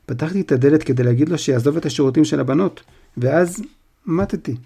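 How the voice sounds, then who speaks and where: Casting: touchy, dramatic teen girl ghost, whiny, pitched up with a husky grain, done by a male reader. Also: dark tone. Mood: self-pitying. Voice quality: whiny, self-pitying.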